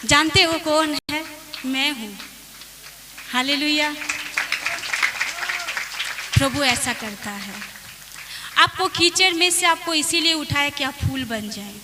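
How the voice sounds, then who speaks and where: A woman pastor giving a testimony sermon, speaking slowly, repeating her phrases and often saying hallelujah. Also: high-pitched, lively intonation, a crowd in the background, background noise.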